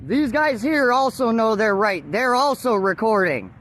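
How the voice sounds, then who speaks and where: In a confrontational street recording with faint traffic noise behind her, a woman auditor holds her phone on police at a roadside stop and defiantly lectures them about her rights. Her slightly high voice has lively intonation and a measured pace, punctuated by forced laughter.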